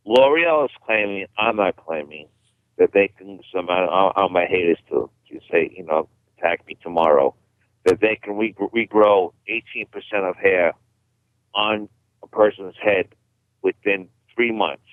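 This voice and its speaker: Low-voiced guy on a crackly distorted phone call, dry tinny sound. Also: normal speed, no echo. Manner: earnest, repeats and restarts words. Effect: distorted phone line. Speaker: caller. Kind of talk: casual radio talk. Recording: fuzzy, distorted phone line.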